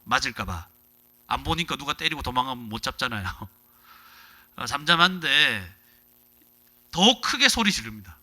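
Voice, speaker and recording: A man preaching a sermon as pastor, lively and dramatic, acting out the people in his story and swinging between loud outbursts and hushed lines. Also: medium pitch, normal speed, pauses often.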